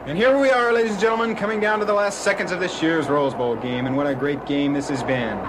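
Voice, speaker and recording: A man playing an excited old-style radio announcer giving dramatic football play-by-play in a radio comedy sketch. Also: fairly high pitch, fast, lightly acted. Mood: announcing, building. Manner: breathless, dramatic build-up. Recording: clearly noisy radio skit recording.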